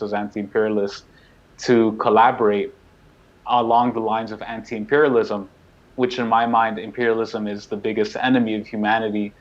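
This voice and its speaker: Guy around 30 from new york explaining stuff fast and earnest, low steady voice, kinda dull call audio. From New York, United States. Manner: earnest, quick explaining with many "uh"s. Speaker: guest, co-founder of a media collective. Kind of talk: casual interview talk.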